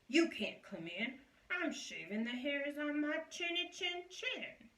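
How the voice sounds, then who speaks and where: A woman reading a storybook, voicing a stubborn little male pig who shouts loudly and dismissively from inside his house. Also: high-pitched, big pitch swings, slow pace, voice pushed up, full character voice. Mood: defiant. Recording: roomy echo, distant mic.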